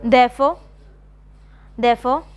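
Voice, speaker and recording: A woman college math lecturer, dictating notes slowly and repeating phrases, often checking with the class. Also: on the high side, clean tone. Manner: repetitive, slow dictation with checking questions.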